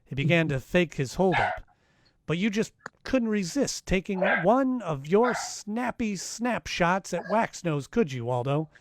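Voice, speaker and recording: A man plays a sardonic, wisecracking private detective in the manner of 1940s radio drama, in a live performance with a taunting, wry manner. His voice sits high, very animated and unhurried, and heavily acted. It is captured in a noisy home live-stream recording.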